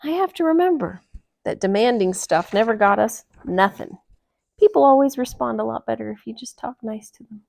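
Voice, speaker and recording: A woman with a fairly high, creaky voice reads a children's storybook aloud in a deliberate, expressive storytelling manner.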